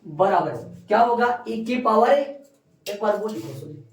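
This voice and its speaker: A high-pitched male teacher talks through a maths problem, repeating each step and firing questions at his class. He is caught by a distant mic in an echoey classroom. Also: animated. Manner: repeats steps slowly, quizzing students. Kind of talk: classroom lesson at a board.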